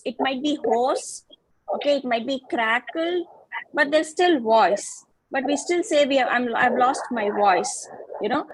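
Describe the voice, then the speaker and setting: Over a video call, a woman gives an online phonetics lecture, explaining patiently and checking in with frequent questions. Her voice is high and slightly rough, and the audio quality is poor.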